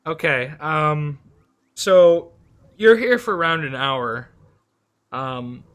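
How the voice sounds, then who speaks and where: A man's voice: on the high side, lively intonation, slow pace, fairly bright tone, clear, resonant tone. A man acting as game master, narrating a tabletop game and asking players for their actions.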